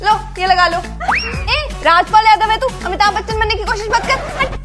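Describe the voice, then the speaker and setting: A young woman performing comic skits in a lively, teasing way. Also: very high voice, normal speed. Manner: lively, teasing, many voices. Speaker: skit performer. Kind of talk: comic skit acting. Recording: music bed under speech.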